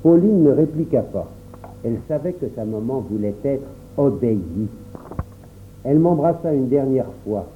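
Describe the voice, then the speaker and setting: A man narrating a storybook in a calm, measured first-person reading. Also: medium pitch. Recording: tinny phone-like sound, faint noise.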